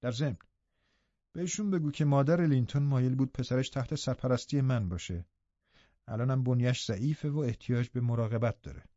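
A man reading a story aloud, voicing a sad, gentle gentleman who speaks in a quiet, restrained way. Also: mid-range voice, no room sound, lightly acted. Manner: quiet, restrained, then firm. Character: grieving gentle gentleman, master of the house. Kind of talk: audiobook reading. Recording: dull, dry studio recording.

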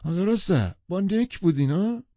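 Brief: man playing a husky, very dark-toned snob, coolly dismissive, a bit distant from the mic in a lo-fi audiobook recording. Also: sits high, lively intonation, dry recording, voice pushed up. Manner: polite but dismissive. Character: aloof, condescending wealthy man, middle-aged.

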